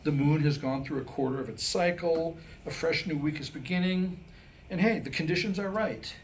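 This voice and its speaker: Reading his own comic material to a small live audience, a man adopts a dry, pseudo-scholarly tone and asks rhetorical questions. His voice is a little high and his speed normal, though the audio is poor with slight background noise.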